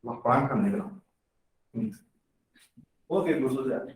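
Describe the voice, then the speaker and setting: A man's voice: mid-range voice, expressive, unhurried. A man giving a medical lecture to a class in a conversational way, acting out short exchanges between doctor and patient. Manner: conversational, acts out patient dialogues. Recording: echoey room, far from the mic.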